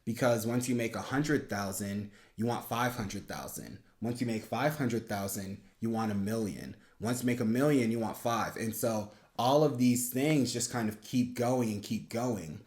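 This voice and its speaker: A young man hosts a review video, offering earnest, reflective commentary rooted in faith, explaining things conversationally. His voice sits fairly low with a darkish tone, moving at normal speed with few pauses. The recording sounds roomy and echoey.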